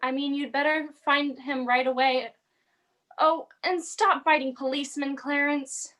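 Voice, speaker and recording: A woman's voice: high-pitched, fairly even intonation, measured pace, fairly bright tone. A woman playing a stern, commanding heavenly supervisor in an amateur radio play.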